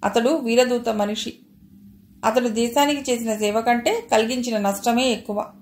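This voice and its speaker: A woman's voice: fairly high pitch, fairly even intonation, normal speed, darkish tone, reverberant. A woman reading a novel aloud as the narrator, with small shifts for the characters' lines. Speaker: audiobook narrator.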